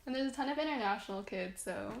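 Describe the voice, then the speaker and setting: A woman's voice: mid-range voice, fast talker, gravelly, reverberant, a crowd in the background. A young woman guest in casual chat, rambling with lots of "like" and "um". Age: young adult.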